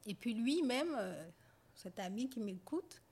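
A woman guest on a podcast, telling her personal story in a halting, hesitant way that often trails off quietly. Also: fairly high pitch, expressive, breathy edge. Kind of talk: personal testimony in conversation.

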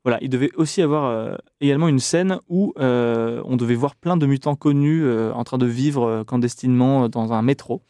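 A man's voice: mid-range voice, fairly quick, hardly any pauses, dark tone, dry recording. A man hosting a casual film podcast, sharing trivia in a chatty way with plenty of hesitations. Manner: chatty, many fillers, relishes film trivia. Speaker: podcast host.

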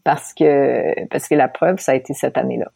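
A middle-aged woman from Quebec with a Québécois accent, telling her story as an interview guest, animated and laughing often. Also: very deep voice, a little fast, gravelly, slightly rough, dry recording. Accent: Québécois French. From Quebec, Canada. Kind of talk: candid storytelling in conversation.

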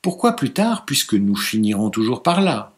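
A man's voice: mid-range voice, normal speed, darkish tone, close to an everyday voice. A man voicing an eager, courteous young husband in a read-aloud classic novel, speaking in a coaxing, pleading way. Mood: insistent.

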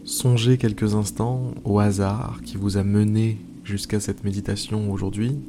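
Low-voiced man guiding meditation over music. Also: flat delivery. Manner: slow, pausing, repeating phrases, informal. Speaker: guided meditation host. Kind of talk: improvised guided meditation with casual asides. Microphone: speaking into a microphone.

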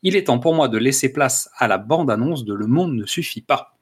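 A man's voice: mid-range voice, animated, normal speed, breathy edge. A man hosting a casual film podcast, joking, laughing and reading out summaries. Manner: jokey, laughs often, reads summaries aloud. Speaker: podcast host.

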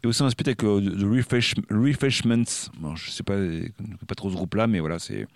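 A man co-hosting a live music radio show, chatting casually about old punk records and often pausing to search for words. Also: on the low side. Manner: hesitant, many filler pauses. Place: radio studio.

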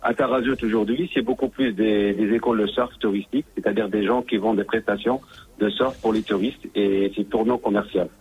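A man calling in to a radio show over the phone, speaking haltingly and often restarting his words. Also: fairly low pitch, fairly even intonation. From Morocco. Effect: caller on a phone line into a radio show.

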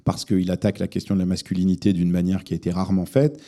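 A man's voice: low voice, level tone, fast, mellow. A man born in Lebanon, a journalist answering interview questions in a reflective way, with many hesitations. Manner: thoughtful, many hesitations and fillers. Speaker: journalist and podcast host, guest here.

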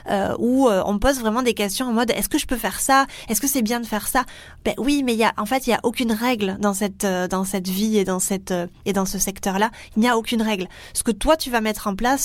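A young woman with a French accent talks straight to her listeners in a solo podcast, earnest and encouraging, often stopping to restart a phrase. Her voice sits in a middle pitch range and is recorded dry and close, with no room around it. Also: no room sound. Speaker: podcast host and teacher trainer.

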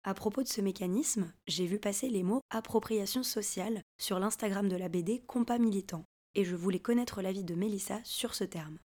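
A woman hosting a podcast, reading a scripted narration in a clear, essay-like way. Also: medium pitch, fairly quick, hardly any pauses, dark tone. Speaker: podcast host.

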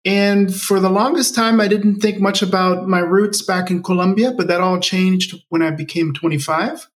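A high-pitched American man in his forties from Maryland tells his personal story as an interview guest. He leads a nonprofit project and speaks conversationally at a normal speed in a steady tone, recorded from a distance from the mic.

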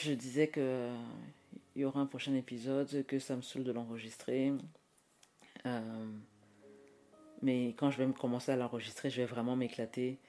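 A French woman with an extremely low, mellow voice hosts a solo podcast, talking to herself at home at night. Her chatty, self-mocking ramble is full of restarts and fillers, recorded on a portable audio recorder with faint classical music in the background.

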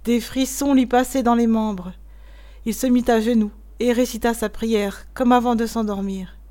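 Woman reading a classic tale. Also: a little high. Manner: measured, expressive storytelling. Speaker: narrator.

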